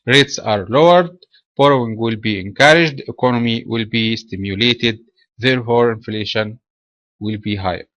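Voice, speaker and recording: A man from Egypt presenting a trading webinar in a measured, explanatory way. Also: mid-range voice, fairly bright tone, dry recording, lo-fi sound.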